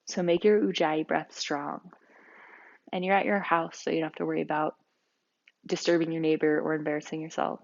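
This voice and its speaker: Woman yoga teacher, low gravelly voice, calm slow cues, muffled lo-fi sound. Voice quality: calm, slow, soft-spoken guidance. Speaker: yoga instructor. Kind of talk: guided yoga and breathing class.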